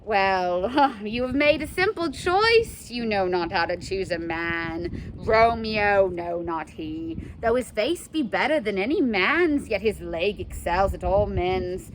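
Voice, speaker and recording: Woman putting on an old complaining Nurse, loud, wildly animated. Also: mid-range voice, slight background noise, poor audio. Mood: teasing, rambling. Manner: groaning, complaining, drawn-out, theatrical. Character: weary, aching, stalling old nurse, female.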